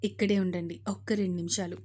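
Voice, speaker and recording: A woman's voice: on the low side, little pitch movement, fast talker, dark tone, voice pushed down, natural voice. A woman doing a firm, commanding mother-in-law. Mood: commanding, affectionate. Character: stern yet loving middle-aged mother-in-law.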